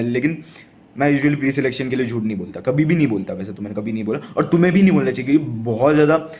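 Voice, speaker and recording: A young man talks straight to camera about dating, chatty and rambling. He laughs a lot, trips over his words and keeps restarting. His voice sits at an ordinary middle pitch. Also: darkish tone. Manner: rambling, laughs often, many restarts and fillers. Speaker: dating advice vlogger. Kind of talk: casual talk to camera.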